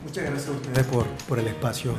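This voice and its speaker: A man from Venezuela with a Venezuelan Spanish accent, a doctor guest explaining calmly on a radio interview. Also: medium pitch, fast talker, over music. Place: radio studio booth.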